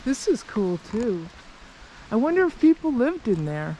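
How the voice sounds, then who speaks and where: A woman's voice: fairly high pitch, sing-song, measured pace, mellow. A middle-aged woman chatting casually and informally for a travel vlog. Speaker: vlogger. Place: outdoor forest trail, later small cabin kitchen. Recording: noisy handheld action-camera audio.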